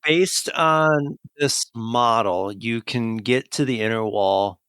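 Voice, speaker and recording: Slow, clear-voiced male game master. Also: medium pitch, fairly bright tone, no room sound, clean studio sound. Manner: methodical scene-setting descriptions. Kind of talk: narrating a tabletop game.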